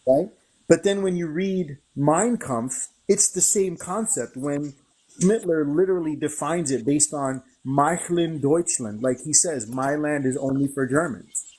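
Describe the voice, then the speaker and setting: Male guest, slightly high, husky tone, eager casual talk. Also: a little slow, darkish tone, poor audio. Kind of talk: casual chat.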